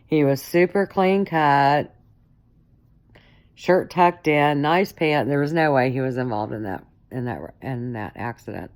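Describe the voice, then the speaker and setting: A woman with a very deep, low voice tells a personal story at an unhurried pace. She rambles and corrects herself, with plenty of fillers along the way. She sounds middle-aged and talks casually. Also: a little mellow.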